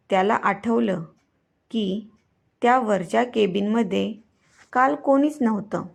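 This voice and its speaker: Woman storyteller, mystery reading, very slow, gravelly, deliberate. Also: on the high side. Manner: measured, deliberate narration.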